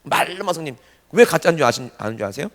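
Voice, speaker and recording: Gravelly guy preaching a revival in a church, shouts and keeps asking the crowd stuff, big echoey hall. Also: fairly high pitch, fast. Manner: animated, shouting exclamations, rhetorical questions to congregation. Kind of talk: revival sermon. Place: church sanctuary.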